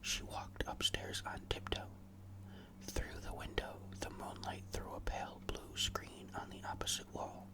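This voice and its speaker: A storyteller reads a ghost story as ASMR, never rising above a whisper. The delivery is hushed, deliberate and suspenseful, with no voiced tone at all, as scripted narration for close listening. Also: poor audio. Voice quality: fully unvoiced whisper.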